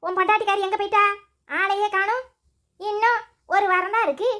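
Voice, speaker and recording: A woman voicing a nagging, sharp-tongued old mother-in-law in a cartoon, speaking Tirunelveli Tamil with quick, sarcastic scolding. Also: very high-pitched, steady tone.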